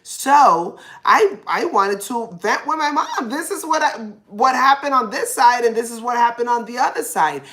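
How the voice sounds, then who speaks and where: A woman's voice: on the high side, normal speed, hardly any pauses. Chatty woman telling a story. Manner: chatty, animated, acts out quoted voices. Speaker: podcast host. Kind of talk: casual storytelling.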